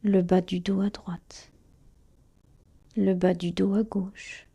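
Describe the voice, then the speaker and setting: A yoga nidra guide leads a relaxation meditation in a soft, breathy near-whisper at medium pitch. She speaks calmly and soothingly, in short phrases separated by long pauses.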